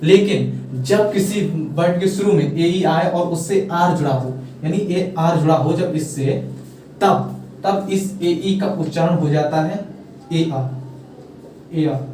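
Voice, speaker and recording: A man with a fairly high voice teaches pronunciation, repeating each question and nudging viewers to answer in the comments. He sounds far from the mic in a strongly echoing room, with faint ambience behind him. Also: slow, dark tone, a little hiss or hum. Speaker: English teacher. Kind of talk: casual classroom lesson. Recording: very echoey room, mic at a distance.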